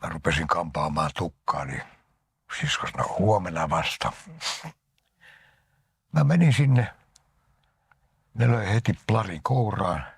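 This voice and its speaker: An older man from Finland, an actor giving an interview, telling anecdotes about his life and often sinking into a breathy half-whisper. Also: low voice, no echo, clean studio sound. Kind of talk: reminiscing interview talk.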